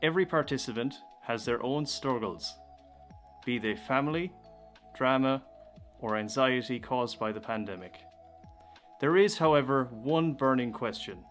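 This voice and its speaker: Irish man, announcer, formal and clear, faint music behind. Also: medium pitch, animated, a little slow. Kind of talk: live show introduction.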